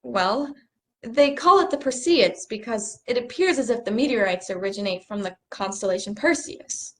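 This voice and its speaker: A woman's voice: a little high, animated, normal speed, natural voice. A young woman acting an earnest, bookish stargazer in a stage play reading, a little apologetic as she explains things. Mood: explaining. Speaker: actor in a rehearsed play reading.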